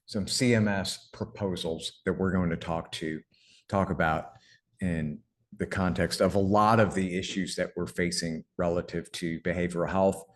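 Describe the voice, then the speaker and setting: Deep-voiced man giving a webinar talk. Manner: conversational, self-correcting, trails off at phrase ends. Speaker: guest speaker on clinic billing. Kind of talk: webinar presentation. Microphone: computer mic on a video call.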